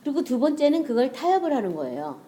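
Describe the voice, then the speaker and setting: A woman's voice: sits high, big pitch swings, fast, dark tone. A woman preacher giving a casual, conversational sermon and acting out prayers and inner voices.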